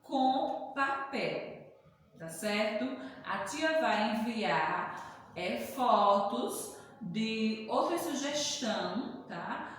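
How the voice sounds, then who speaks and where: A woman's voice: a little high, lively intonation, drawn-out words, fairly bright tone. A woman teacher, patiently spelling out syllables letter by letter and praising young children in a recorded reading lesson. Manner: calls herself "tia", coaxing and praising. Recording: echoey room, distant from the mic, long reverb.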